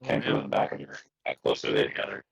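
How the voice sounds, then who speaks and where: A man playing a tabletop game over online voice chat, his call breaking up into glitchy, robotic fragments. He talks in a relaxed, hesitant way. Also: very fast, no echo. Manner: relaxed, hesitant with many fillers. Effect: glitchy voice call dropping out, robotic and broken up. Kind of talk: casual tabletop game talk.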